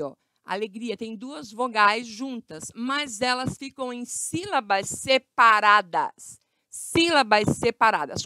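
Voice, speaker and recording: A woman's voice: on the high side, bright, forceful tone, no room sound. A woman teacher with a Brazilian Portuguese accent, giving a grammar lesson to children, stretching out words and often checking in with her class. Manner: slow, stretched words with frequent check-ins.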